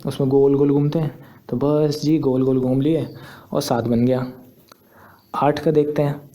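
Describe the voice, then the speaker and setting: Patient young man, mellow voice. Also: medium pitch. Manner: patient, step-by-step, repeats points. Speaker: teacher. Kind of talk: explaining on a screen tutorial.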